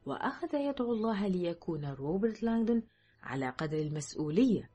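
A woman narrating an audiobook in a measured, steady storytelling manner. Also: fairly low pitch, breathy edge, faint music behind.

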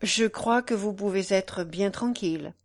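A woman reading the part of a grave, military-mannered fencing master of about forty, speaking politely and calmly. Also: medium pitch, a little slow, natural voice.

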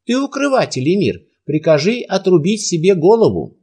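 A man's voice: sits high, sing-song, normal speed, dark tone, slightly rough, pitched above the performer's own voice, full character voice. A man voicing a bold, defiant folk hero in an audiobook, in a firm, ringing, declaiming voice.

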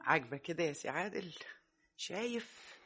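A woman's voice: on the low side, animated, moderate pace, over loud music, close to an everyday voice. An actress playing a proud, easily offended middle-aged mother in an Egyptian radio drama, speaking in an indignant, sarcastic way.

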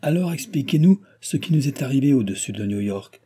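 A man's voice: mid-range voice, expressive, fairly quick, mellow, slightly rough, pitched above the performer's own voice. A man voicing an injured young French adventurer, weak and exhausted yet obstinate and insistent. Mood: questioning.

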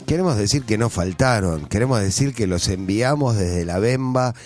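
A man's voice: fairly low pitch, expressive, moderate pace, a little mellow, soft background music. A man co-hosting community radio and joking through the sign-off. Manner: joking banter. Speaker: radio show co-host. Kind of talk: casual radio sign-off banter.

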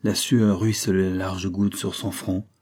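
A man narrating a historical tale as an audiobook, in a measured, dramatic reading. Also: sits low, little pitch movement, darkish tone, husky.

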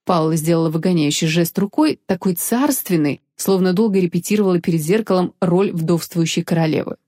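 A woman narrating a fantasy audiobook in a measured, expressive reading. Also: lowish voice, no room sound, studio quality.

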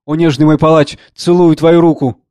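A man's voice: a little high, steady tone, normal speed, darkish tone, no echo, lightly acted. A man voicing an anguished, proud aging professor who speaks in lofty, declamatory outbursts.

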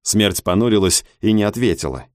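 Male audiobook narrator, low voice, very animated, dry close audio. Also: fairly quick, no room sound.

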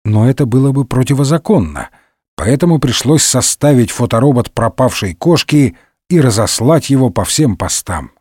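Man, audiobook narrator, wry expressive storytelling, lively pitch, dry close sound. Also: slightly rough, no room sound. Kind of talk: comic scripted narration.

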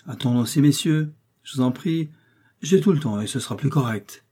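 A man's voice: medium pitch, moderate pace, mellow, breathy edge. A man reading the lines of a proud, courtly noble musketeer in a formal, gracious way.

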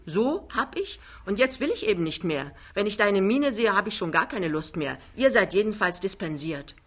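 A woman's voice: medium pitch, animated, normal speed, lightly acted. A woman voicing a vain, boastful older mother with a triumphant, theatrical manner in an audiobook reading.

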